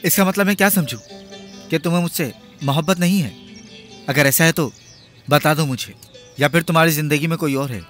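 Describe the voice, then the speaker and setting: Man dubbing a young man in love, earnest, pleading, slightly high voice, faint music behind. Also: fairly quick, long pauses, fairly bright tone, close to an everyday voice. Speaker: dub actor. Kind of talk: film dubbing.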